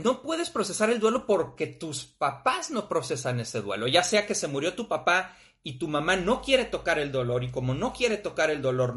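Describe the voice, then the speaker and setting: A man with a Mexican accent, talking bluntly and casually about grief, with frequent swearing. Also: on the high side. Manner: blunt, profane, animated. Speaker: podcast host.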